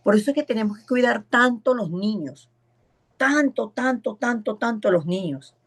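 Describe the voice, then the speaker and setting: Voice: mid-range voice, expressive, normal speed. A preacher teaching an evangelism class in a sermon style, stressing points by repeating words and acting out the voices in a story.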